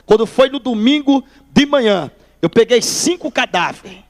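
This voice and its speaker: Brief: high-voiced male preacher, storytelling testimony, long hall reverb. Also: normal speed. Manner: animated storyteller addressing listeners as brother. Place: church hall.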